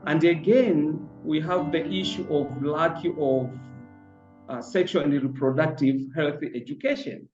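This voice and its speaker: Middle-aged guy talking slow and earnest, lots of pauses, echoey room, kinda dull sound, soft music under. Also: fairly high pitch. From Tanzania. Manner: measured and earnest, pausing often on fillers. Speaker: school founder and director. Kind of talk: reflective interview testimony.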